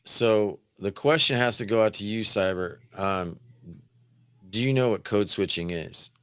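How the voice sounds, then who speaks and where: Guy hosting a podcast, lowish voice, dry sound, chill and chatty. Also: unhurried, a bit bright, clear, resonant tone, dry recording. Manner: conversational, asks questions, laughs easily. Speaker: podcast host. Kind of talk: casual chat.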